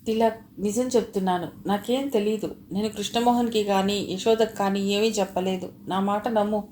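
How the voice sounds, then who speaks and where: A woman's voice: mid-range voice, fairly even intonation, moderate pace, dark tone, a little hiss or hum, lightly acted. A woman reading aloud, voicing a confused man who pleads and defends himself, recorded with a roomy echo. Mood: pleading.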